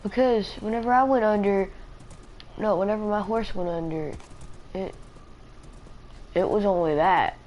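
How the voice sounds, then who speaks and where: A woman's voice: mid-range voice, measured pace, long pauses, a little mellow, a little hiss or hum, low-quality recording. A sleepy, tired woman rambling hesitantly in casual chat as a live streamer, with many fillers.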